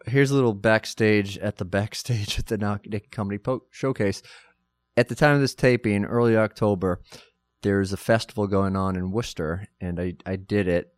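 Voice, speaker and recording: A man hosting a backstage comedy podcast, chatting casually and rambling with quick asides. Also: fairly low pitch, dry recording. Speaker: podcast host.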